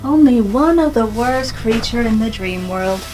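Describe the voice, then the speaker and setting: A woman's voice: a little high, expressive, a little slow, rough recording. A woman playing a gloating, villainous female dream creature in an indie film, mocking and theatrical. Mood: mocking, menacing. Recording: loud music over the voice.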